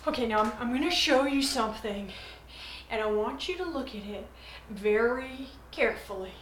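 A woman's voice: on the high side, expressive, normal speed, a little hiss or hum, lightly acted. A woman playing an unsettling, intimate captor who rambles and teases, calling the listener baby. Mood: probing taunt. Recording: echoey room with loud music.

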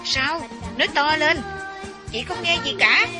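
A loud, commanding young woman, voiced by a male narrator calls out over the phone in a high, insistent voice. Her orders come in bursts, pushed hard so she can be heard. Soft music plays underneath. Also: a little slow. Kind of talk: audiobook character voice.

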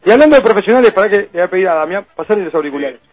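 Fast, high-voiced Uruguayan radio host. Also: male voice, dry recording. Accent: Uruguayan Spanish. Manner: lively, leads segments and cues guests. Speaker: radio sports show host. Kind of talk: radio sports banter and introductions.

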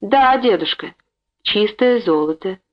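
A woman's voice: medium pitch, animated, unhurried, natural voice. A woman voicing a polite woman teacher and mother who pleads in a raised voice, in a dull lo-fi recording. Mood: pleading.

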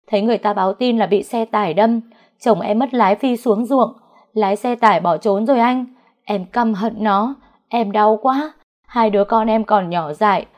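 A woman voicing a grief-stricken, furious young mother who talks through tears in a high, shrill voice. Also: a little mellow, natural voice.

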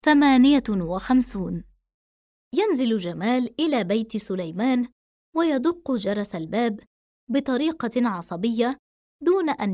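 A woman narrating a novel in steady, measured scripted reading. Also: fairly high pitch, no echo, clean studio sound. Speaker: audiobook narrator.

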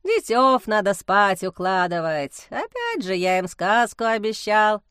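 A grumpy, stern male swamp spirit for an audiobook tale, read by a woman. He grumbles gruffly and slowly, low in his throat. The sound is close and dry. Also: sing-song, fairly bright tone, dry recording. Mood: weary.

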